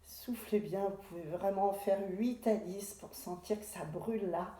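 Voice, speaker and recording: A woman teaching a Pilates class, giving calm, unhurried cues about breathing and posture. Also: mid-range voice. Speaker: Pilates instructor. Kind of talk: guided exercise class instruction. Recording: very echoey room.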